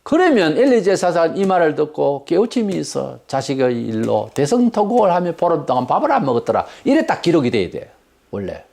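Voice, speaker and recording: Emphatic male pastor with wildly swinging pitch. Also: huge pitch swings, a little fast, vocal fry, darkish tone. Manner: emphatic, blunt, rhetorical questions. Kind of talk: sermon.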